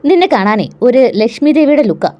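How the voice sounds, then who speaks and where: A woman's voice: a little high, sing-song, a little fast, highs cut off. A woman storyteller voicing a confident young man who talks in a cocky, teasing way.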